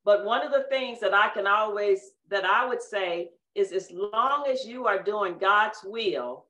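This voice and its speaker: Bright-voiced woman in an echoey room. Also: medium pitch, animated, a little slow. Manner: reflective, encouraging. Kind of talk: casual group discussion.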